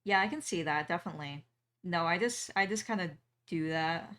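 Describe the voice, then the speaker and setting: Young woman artist streaming, lowish voice, easygoing chat w/ viewers, lots of ums. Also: a little fast. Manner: relaxed, chatty, reads chat aloud, frequent ums and small laughs. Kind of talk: casual chat while drawing on stream.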